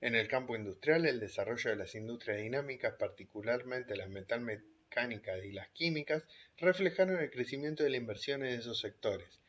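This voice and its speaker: A man reads an economics chapter aloud at a steady, measured pace, going back now and then to reread a phrase. His voice sits at an ordinary middle pitch. The recording is dull and lo-fi. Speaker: reader of an economics text. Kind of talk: reading a book chapter aloud.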